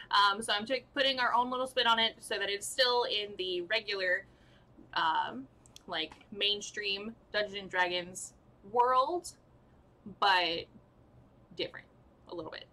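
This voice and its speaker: Woman dungeon master, slow unhurried delivery, bright edge, lots of ums and restarts. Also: mid-range voice, poor audio. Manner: halting, filler-heavy, laughing at her own slips. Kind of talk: narrating a tabletop game on a live stream.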